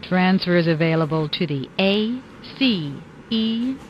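A low-pitched woman's recorded voice, slow and clipped, with each word pasted together from separate takes so the sentences come out choppy. It plays through a lo-fi train speaker with a faint rumble behind it. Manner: clipped, even, formal delivery. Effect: words spliced together from separate recordings. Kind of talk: automated transit announcement. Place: subway train carriage.

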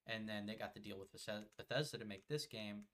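A young man co-hosting a podcast, his voice sitting a bit low. He chats while playing a game and rambles loosely, full of filler words and offhand swearing. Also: brisk, fairly bright tone. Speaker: podcast co-host. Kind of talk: casual chat while playing a video game.

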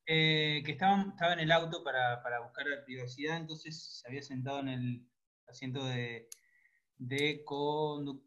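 A man, a coaching student, informally recounting something in an online class, halting as he searches for words. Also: mid-range voice, steady tone, a bit bright. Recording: dull, lo-fi online call audio.

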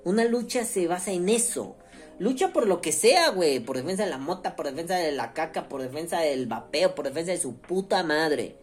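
A man's voice: a little high, lively intonation, moderate pace, soft background music. A man with a Mexican accent hosting a podcast, talking in a casual, profane, rambling way. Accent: Mexican Spanish. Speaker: podcast host.

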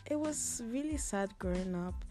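Hosting a casual solo podcast over faint background music, this woman in her twenties from Ghana, where she's lived six plus years, has a mid-range, mellow voice at normal speed. She's animated and sassy, full of slang, venting to listeners with theatrical complaints.

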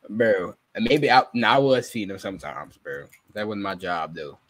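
A man's voice: lowish voice, lively intonation, normal speed, a bit bright. A young man in his twenties hosting a podcast, teasing and swearing in loose casual banter. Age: 20s. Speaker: podcast host.

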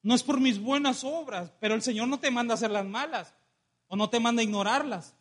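A male preacher with a Mexican Spanish accent giving a sermon, telling stories and calling the congregation to say amen. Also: very high-pitched. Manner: storytelling, calls for amen, slows on key phrases.

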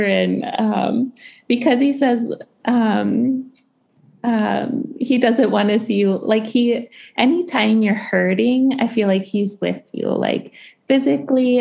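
A woman hosting a podcast and giving an intuitive reading, gentle and halting with many pauses and ums, speaking reassuringly. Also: medium pitch, vocal fry.

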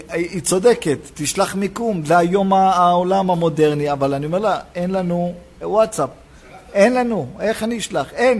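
A rabbi preaching a sermon in a synagogue, telling a personal story and acting out the dialogue. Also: male voice, high-pitched. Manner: animated storytelling, acts out dialogue.

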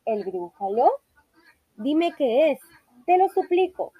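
A woman's voice: high voice, sing-song, takes it slowly, dark tone, no room sound, heavily acted. A woman voicing a hungry, scheming snake who invites its prey with sweet talk. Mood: coaxing.

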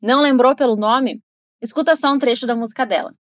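A woman with a Brazilian Portuguese accent, a podcast host and English teacher, talks fast in a fairly high voice over a noisy background. Her scripted educational podcast narration is enthusiastic, with asides to the listener.

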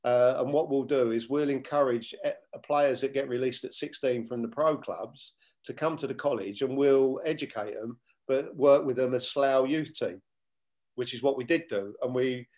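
A man's voice: mid-range voice, a little mellow. Older man recalling his football career. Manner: measured, many fillers and restarts, retells dialogue. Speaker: former footballer and coach, guest. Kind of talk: reflective interview storytelling.

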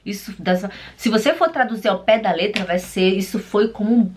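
A woman's voice: mid-range voice, slight background noise. A woman with a Brazilian Portuguese accent teaching German phrases in a casual, chatty way, drawing words out to drill them and checking in with the learner often. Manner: slow, drawn-out drilling of words. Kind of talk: casual spoken lesson.

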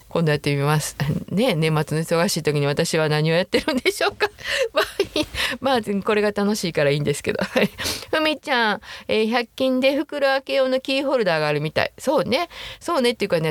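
A woman in her sixties with a Kansai accent hosts a casual podcast and reads listener letters. Her pitch swings up and down as she chats in a self-deprecating way and laughs often. The recording is dry and close, with no room sound. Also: no echo. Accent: Kansai Japanese. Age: 60s. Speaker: podcast host. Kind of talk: casual chat reading listener mail.

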